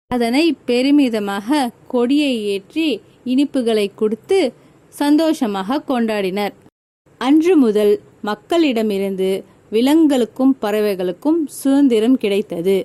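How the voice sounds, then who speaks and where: Brief: woman storyteller for children, measured, warm tone. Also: fairly high pitch. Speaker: narrator.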